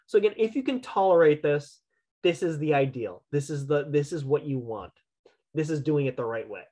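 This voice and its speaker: A man's voice: fairly high pitch, expressive, normal speed, warm tone. Friendly man lecturing over a video call. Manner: casual and conversational, many restarts and "right?" tags. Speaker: county entomologist giving a gardening talk. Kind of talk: online presentation lecture. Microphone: video call webcam.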